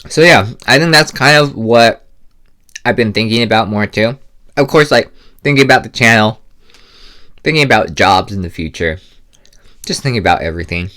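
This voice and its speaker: A young man chatting casually while eating on a close, loud mic, rambling and hesitant, full of fillers. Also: fairly low pitch, expressive, moderate pace, long pauses. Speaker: mukbang vlogger. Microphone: close mic, loud for ASMR.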